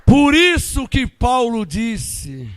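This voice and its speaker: A man preaching a sermon as pastor with a Brazilian Portuguese accent, emphatic and animated, switching between loud outbursts and quiet asides. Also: very high voice, drawn-out words, smooth.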